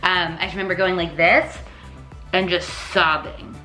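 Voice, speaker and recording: A woman's voice: lowish voice, level tone, normal speed, bright, forceful tone. A woman in her twenties from Long Island telling a personal story to camera, emotional and rambling with lots of "like". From Long Island, New York. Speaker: vlogger. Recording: echoey room with faint music.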